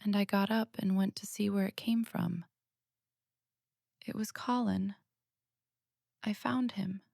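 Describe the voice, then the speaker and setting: A woman voicing an earnest, matter-of-fact little girl who speaks softly but firmly, in a storybook reading. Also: medium pitch, fairly even intonation, slow, vocal fry, no echo, studio quality, pitched above the performer's own voice. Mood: confiding.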